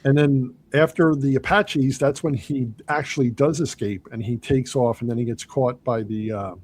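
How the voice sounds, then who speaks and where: A man's voice: mid-range voice, normal speed, slightly rough. Chatty man retelling movie scenes. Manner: animated retelling, quoting movie lines. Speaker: podcast host. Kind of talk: casual film discussion.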